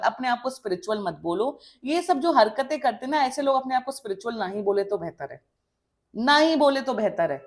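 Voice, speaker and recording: A woman with a fairly high voice reads tarot cards in a blunt, scolding way. She fires off emphatic warnings and slips between Hindi and English mid-sentence. She is from India. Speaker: tarot reader. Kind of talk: tarot reading monologue to camera.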